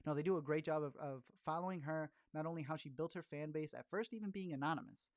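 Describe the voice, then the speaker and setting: A man's voice: a little high, fast, no room sound, studio quality. A man casually chatting through film reviews as a podcast host, rambling along with fillers and restarts.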